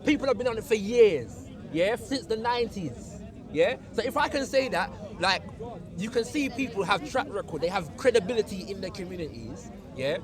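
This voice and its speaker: A man's voice: high voice, expressive, moderate pace. A man from Jamaica arguing in a street debate outdoors, insistent and interrupting, repeating himself. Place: outdoors in a busy park. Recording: outdoor crowd noise around.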